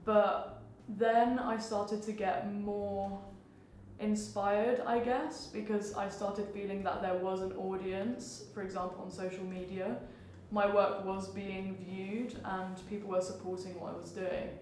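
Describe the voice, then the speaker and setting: A woman's voice: medium pitch, little pitch movement, measured pace, darkish tone, a little hiss or hum. Twenty-something woman in an echoey room. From Singapore and Hong Kong. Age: 20s. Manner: thoughtful, searching for words. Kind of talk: casual reflective interview.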